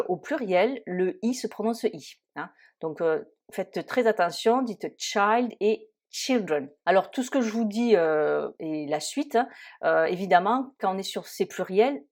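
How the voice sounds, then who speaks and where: A woman explains English grammar in a patient lesson voice. She sits slightly low in pitch and pauses often on little fillers. She slows right down to model each example word. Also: a little mellow. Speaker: English teacher.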